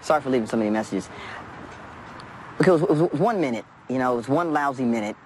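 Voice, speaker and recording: A man's voice: mid-range voice, animated, a little mellow, slight background noise, lightly acted. A man playing a proud, desperate man down on his luck. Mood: frustrated. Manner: halting, defensive, stammering.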